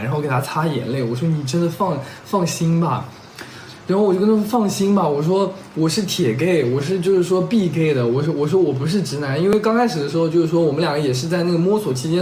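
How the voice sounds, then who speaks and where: Brief: young man, high-pitched and quick, rambling casual storyteller. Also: darkish tone, a little hiss or hum. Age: young adult. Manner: rambling, strings clauses with "and then", checks in with listeners. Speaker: vlogger telling a couple story. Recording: roomy echo.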